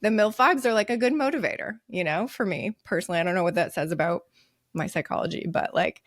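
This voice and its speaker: A woman in her late thirties co-hosting a podcast, chatting casually with lots of fillers and quick laughs. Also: on the low side, lively intonation, no room sound, clean studio sound. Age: 30s. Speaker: podcast co-host. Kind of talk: casual chat.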